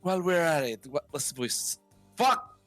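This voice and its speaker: A man in a casual podcast chat, flustered and swearing, laughing off his embarrassment. His voice is bright and a bit higher than usual, and it jumps around a lot in pitch. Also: lively intonation, moderate pace, dry recording, faint music behind. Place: room at home.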